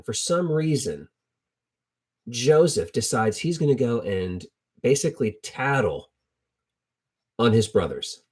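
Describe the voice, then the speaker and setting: A middle-aged man preaches a Bible lesson informally, telling it like a story in everyday, conversational language and repeating key phrases for emphasis. His voice is medium-pitched, a little mellow and husky.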